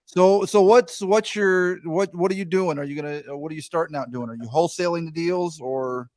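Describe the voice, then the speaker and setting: A man in his fifties hosting a casual podcast interview, joking and asking quick questions. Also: fairly high pitch, a little mellow. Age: 50s. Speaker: podcast host.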